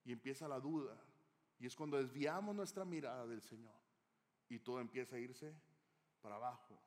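A male preacher delivering a sermon in a church hall, telling stories dramatically and swinging from loud to hushed. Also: medium pitch, moderate pace. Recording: long hall reverb.

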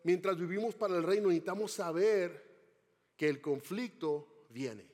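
A man's voice: high voice, moderate pace, a little mellow. A man preaching a sermon as pastor, asking the congregation questions as he goes. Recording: long hall reverb.

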